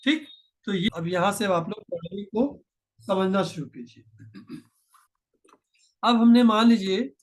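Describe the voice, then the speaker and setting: A man teaching programming in a screen-share tutorial, explaining patiently step by step and slowing down to dictate code, mixing with terms. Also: high-pitched, lively intonation.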